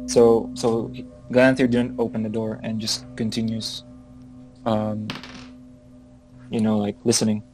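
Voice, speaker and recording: Man, tabletop player, very slow and hesitant, lots of fillers, soft music behind. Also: on the low side, monotone, poor audio. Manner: hesitant, many ums and restarts. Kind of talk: tabletop role-play chat.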